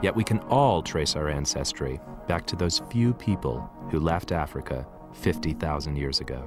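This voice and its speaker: Deep-voiced man narrating a documentary. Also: normal speed. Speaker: documentary presenter. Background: music.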